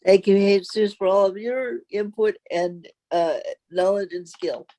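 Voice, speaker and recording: Woman presenting at a committee meeting, mellow voice, a bit hesitant. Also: mid-range voice, a little slow.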